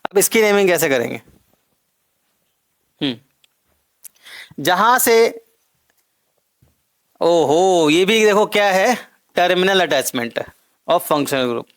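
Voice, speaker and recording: A man's voice: high voice, animated, slow, pauses often, fairly bright tone. A man teaching a chemistry lecture, explaining step by step, repeating key terms and quizzing his students. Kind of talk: recorded classroom lecture.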